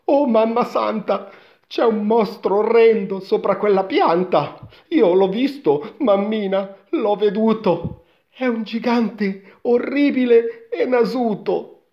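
A man voicing a naive young boy in a storybook reading, with a shrill, squealing voice, on a dull lo-fi recording. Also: expressive, slow, gravelly, full character voice. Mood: excited, frightened.

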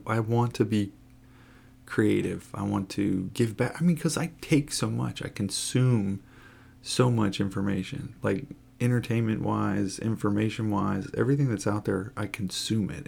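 A man's voice: on the low side, moderate pace, creaky, darkish tone, slightly rough. A man, co-hosting a casual podcast and joking around teasingly. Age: 40s. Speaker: podcast co-host.

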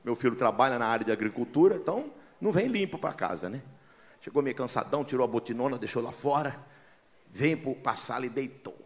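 A man's voice: mid-range voice, a little fast. A man preaching a sermon as a pastor, telling folksy stories and often calling listeners "brother". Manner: lively, acts out the voices in his stories.

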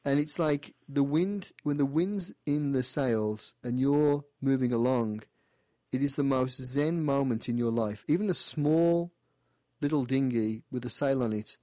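A man hosting a call-in radio show who gives a caller a playful, animated past-life reading, often repeating and restarting his phrases. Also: medium pitch, a little slow, no echo.

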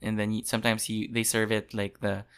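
A man's voice: on the low side, flat delivery, brisk, a bit bright, clear, resonant tone. A man hosting a podcast, chatting playfully, laughing often and reading recipe blurbs aloud. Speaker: podcast host. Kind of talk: casual chat.

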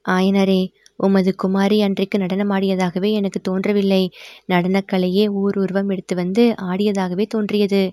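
A woman voicing a gracious, resolute middle-aged emperor in a storybook reading, with formal, measured speech. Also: mid-range voice, flat delivery, warm tone, dry recording, clean studio sound, lightly acted. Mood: regal.

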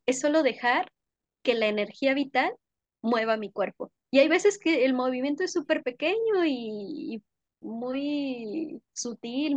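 A young woman guest in a casual interview, talking warmly and effusively about sensory pleasures, often laughing. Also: fairly high pitch, no echo, dull audio. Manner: warm, effusive, sensory descriptions with frequent laughs. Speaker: podcast guest, workshop leader.

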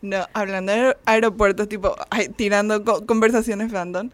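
A woman's voice: medium pitch, steady tone, normal speed, no echo. A young woman guest in casual chat, telling rambling anecdotes full of fillers.

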